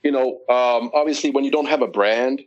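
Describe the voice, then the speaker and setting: A man's voice: medium pitch, a little fast, highs cut off. A man, a guest on a casual podcast, recounting at length with many fillers and restarts. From United States. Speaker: guest, wrestling promoter.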